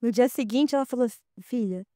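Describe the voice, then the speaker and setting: A woman with a Brazilian accent, a podcast guest telling a personal story in a casual, animated way and acting out the dialogue. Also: on the high side, a little fast, clear, resonant tone, no echo, studio quality. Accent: Brazilian Portuguese.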